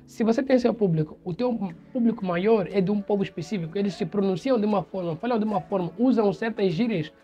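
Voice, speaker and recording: A man from Mozambique with a Mozambican Portuguese accent offers explanatory opinion commentary on his channel, imitating accents when quoting examples. His voice sits high with a dark tone, and the audio is dull.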